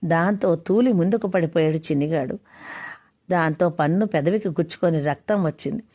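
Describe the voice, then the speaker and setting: A woman author narrating a story in an earnest, expressive reading. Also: on the low side, normal speed.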